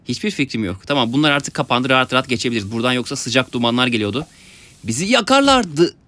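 A young man giving excited let's-play commentary, talking to his viewers and yelping at his mishaps. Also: medium pitch, very fast, dry recording. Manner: excitable, yelps and laughs at mishaps, talks to viewers. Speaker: gaming YouTuber.

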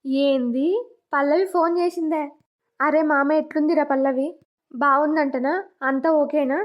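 An eager, anxious young husband from a village cartoon, voiced by a woman. He talks with a high voice. The audio sounds dull and lo-fi. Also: steady tone, moderate pace, lightly acted. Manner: eager questions.

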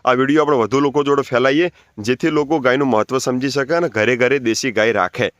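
A man's voice: mid-range voice, fairly even intonation, fast talker, fairly bright tone, no room sound, highs cut off. A man giving an earnest, preachy spoken appeal to keep cows, repeating his points and urging listeners. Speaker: natural farming advocate.

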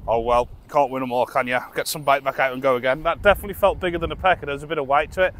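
His pitch is medium and his tone steady, though he talks at a racing clip with a bit of brightness. The speaker is a middle-aged British vlogger fishing off a seaside dock at night, chattering casually and amusing himself, while a camera on a tripod captures him from afar outdoors.

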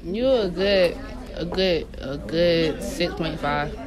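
A teenage girl giving shy, soft short answers to a classmate's vlog questions. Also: lowish voice, takes it slowly, very noisy. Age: teens. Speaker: interviewee. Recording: loud crowd chatter.

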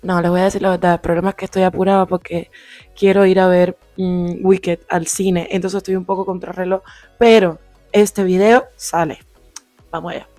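A young woman from Cuba with a Cuban Spanish accent, slightly hoarse, chatting animatedly through a storytime vlog into a small handheld mic in a small home room. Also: on the low side, moderate pace, dry recording, soft background music. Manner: chatty, animated, lots of fillers and asides. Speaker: vlogger. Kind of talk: casual storytime. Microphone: handheld lavalier mic near mouth.

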